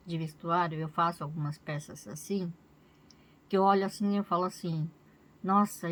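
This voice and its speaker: A woman with a Brazilian Portuguese accent, a crochet vlogger chatting casually and rambling, often tagging her sentences with a questioning "né?". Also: fairly low pitch. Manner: rambling, chatty, keeps adding "né?". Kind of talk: casual chat to camera.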